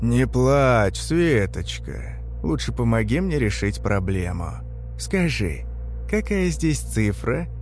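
A man voicing a sadistic, mocking gang leader with a raspy, coughing voice and a slow, taunting drawl. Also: mid-range voice, big pitch swings, darkish tone, soft background music. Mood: mock-tender. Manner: slow, taunting, mock-tender.

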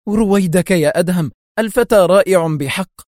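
A man playing an excitable doctor, raised high voice, exclaiming, dry audiobook sound. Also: a little fast, dry recording, natural voice. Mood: excited. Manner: eager, exclaiming. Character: excitable older male doctor friend.

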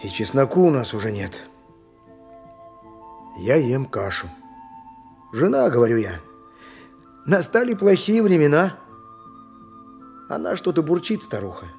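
In an audio drama, an actor gives a full character voice to a poor, downtrodden donkey driver of ancient Greece, both narrating in first person and acting out dialogue. His fairly high, sing-song voice moves at a measured pace with vocal fry, long pauses and a slightly mellow tone. Faint music plays behind this plaintive, simple, resigned and sorrowful telling.

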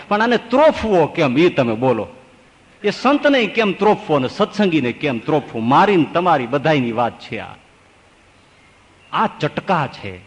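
Swami telling folksy stories in a sermon, kinda high voice, long echo in the hall. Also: male voice. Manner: folksy, animated storyteller. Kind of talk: scripture discourse with storytelling.

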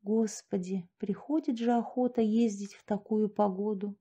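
A woman voicing a calm, weary young village wife who answers quietly. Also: medium pitch, slow, muffled recording.

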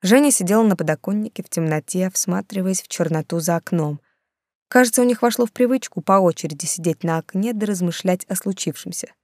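A woman reading a detective story aloud in steady scripted narration. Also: on the low side, fairly quick, no echo, studio quality. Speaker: audiobook narrator.

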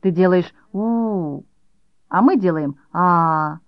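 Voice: medium pitch, slow, no room sound, lo-fi sound. Reader doing a bossy, stubborn little boy. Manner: curt, commanding, stubborn. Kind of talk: audiobook character voice.

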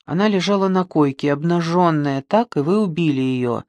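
A reader voicing a calm male police detective who questions softly and persistently in an audiobook. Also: mid-range voice, moderate pace, no echo, close to an everyday voice. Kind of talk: audiobook reading.

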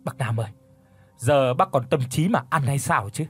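A man's voice: mid-range voice, animated, moderate pace, a bit bright, husky, faint music behind. A man voicing a sly, scheming young male villager in an audio story, coaxing and wheedling. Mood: feigned alarm. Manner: wheedling, coaxing, feigns alarm.

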